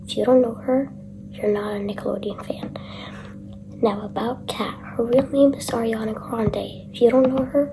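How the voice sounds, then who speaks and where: A young woman speaks in a soft, hushed whisper, keeping her voice down late at night. She talks slowly in a chatty vlog manner, and her voice sits a little high. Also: rough recording. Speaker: vlogger.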